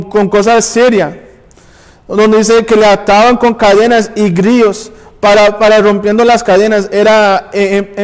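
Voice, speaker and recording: A man's voice: sits high, clear, resonant tone, long reverb tail. A man preaching and reading scripture aloud, often stumbling and restarting words. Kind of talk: sermon with Bible reading. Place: church.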